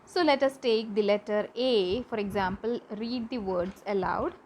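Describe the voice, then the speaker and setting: A woman teaching a class, slowly repeating words for pronunciation practice. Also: mid-range voice, a little mellow, rough recording. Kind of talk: classroom lesson. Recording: faint background noise.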